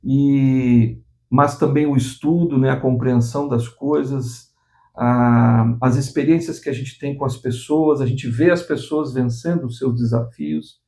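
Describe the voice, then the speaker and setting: On his channel, a man in his sixties delivers sincere motivation straight to the viewer, restarting phrases and adding tag questions as he goes. He speaks a little slowly, in a mellow mid-range voice with fairly even intonation.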